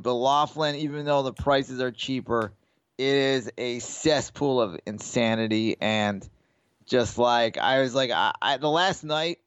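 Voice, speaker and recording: A man's voice: medium pitch, a bit bright, clean tone, dry recording, muffled recording. A man co-hosting a podcast, telling rambling, profane stories and acting out the people in them. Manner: rambling storyteller, swears freely, acts out quotes. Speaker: podcast co-host. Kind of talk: casual sports betting chat.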